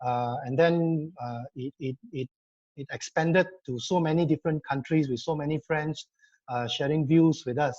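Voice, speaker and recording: A man's voice: fairly high pitch, a little mellow. A man speaking on a live online law panel, hesitant with many fillers and restarts. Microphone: video call. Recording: dull lo-fi video call audio.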